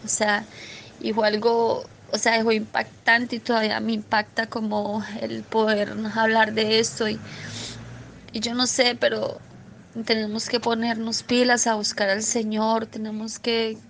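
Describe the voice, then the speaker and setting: A woman gives a spoken testimony of a religious vision in an earnest, halting way, often stopping and starting her sentences again. Her voice sits slightly high and stays flat, with little rise and fall. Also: vocal fry, slight background noise. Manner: earnest, halting, with frequent restarts. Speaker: believer sharing a vision testimony.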